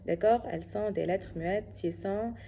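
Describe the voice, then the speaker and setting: A woman teaching French pronunciation in a slow, careful way, often checking with her listeners. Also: medium pitch, vocal fry, mellow, a little hiss or hum. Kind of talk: phonics lesson.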